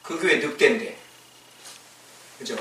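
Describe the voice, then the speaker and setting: A man preaching as a pastor, lively and emphatic, who shouts out quoted lines and fires rhetorical questions at the congregation. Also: on the high side, unhurried, a little hiss or hum. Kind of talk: sermon. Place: church sanctuary. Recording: echoey church hall mic at a distance.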